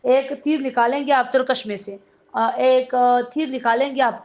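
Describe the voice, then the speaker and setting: Higher-voiced woman teaching a religious lesson, lo-fi. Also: fairly even intonation, a little mellow. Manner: storytelling, explains terms as she goes. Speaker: Quran teacher. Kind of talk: religious lesson explaining a surah. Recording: dull lo-fi recording.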